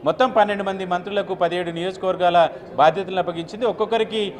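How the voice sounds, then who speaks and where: A man in his thirties giving a live news report outdoors into a handheld mic, steady, with filler sounds between phrases. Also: high-pitched, fast talker. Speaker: field reporter. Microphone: handheld channel mic.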